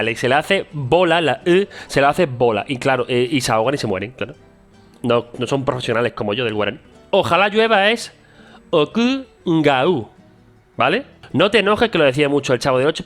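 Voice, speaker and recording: A middle-aged man with a Spanish accent talks on his vlog in a loose, joking way, often poking fun at himself. His voice sits a little high for a man. Soft music plays faintly underneath. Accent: Spanish from Spain. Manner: joking, self-mocking, chatty. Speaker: vlogger. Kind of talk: joking casual language vlog.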